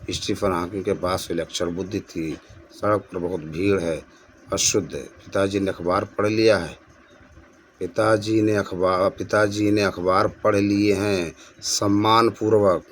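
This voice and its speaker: A man's voice: sits low, slight background noise. A man hosting his own channel, teaching an exam-prep language lesson and explaining each answer by repeating the correct form. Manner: addresses viewers as friends.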